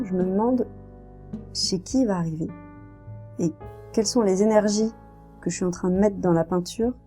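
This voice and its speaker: A woman in her thirties, a painter, talking casually in an interview, soft-spoken and hesitant with many fillers and restarts. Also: mid-range voice. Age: 30s.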